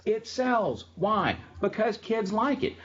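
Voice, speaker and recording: A man's voice: high voice, expressive, slow, fairly bright tone. Chatty male lecturer, slightly muffled. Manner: chatty, storytelling, frequent ums. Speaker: music history lecturer. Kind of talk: casual classroom lecture. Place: classroom.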